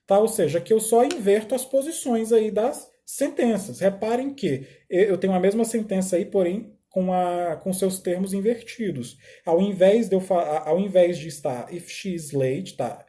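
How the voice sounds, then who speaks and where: A Brazilian man teaching a recorded English lesson, explaining slowly, repeating phrases and checking understanding with short "tá?" tags. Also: high-pitched, dark tone.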